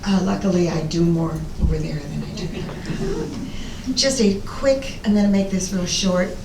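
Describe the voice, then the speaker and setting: An older American woman with a raspy voice, giving an informal, rambling, self-deprecating talk about herself as a presenter. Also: animated, measured pace. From Illinois, United States. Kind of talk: informal autobiographical talk to an audience. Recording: roomy, distant mic, faint rumbling noise.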